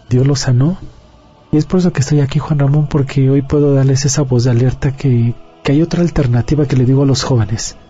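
A man's voice: medium pitch, mellow, slightly rough. A man giving an earnest personal testimony as an interview guest. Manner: earnest, confiding storyteller. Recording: dull lo-fi audio, faint music.

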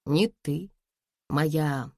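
Weary middle-aged woman, read by a woman narrator: wry, low, audiobook dialogue. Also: extremely slow, no room sound, clean studio sound, exaggerated voice. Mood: bitter.

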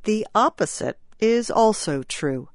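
A woman narrating a scripted news program, reading clearly and deliberately. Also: medium pitch, animated, no room sound, clean studio sound.

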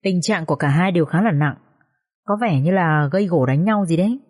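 Brisk hospital nurse, efficient, directions given plainly, audio story, read by a woman narrator. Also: lowish voice, a little mellow, close to an everyday voice.

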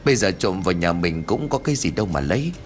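A man's voice: sits low, very animated, quick pace, slight background noise, voice pushed down. A man voicing a worried grown son who speaks urgently and anxiously in a horror audiobook.

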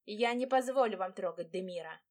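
A woman's voice: mid-range voice, fairly quick, darkish tone, close to an everyday voice. Woman voicing a bold fiery young bride. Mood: resolute.

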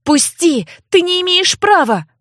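A woman reading an audiobook, voicing a hot-tempered young noblewoman with a shrill, indignant delivery. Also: lively intonation, unhurried, no room sound, studio quality. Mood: furious defiant. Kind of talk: audiobook character voice.

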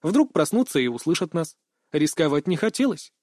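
A man narrating an audiobook in the first person, in a brisk storytelling manner. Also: on the high side, big pitch swings, darkish tone, no echo, studio quality.

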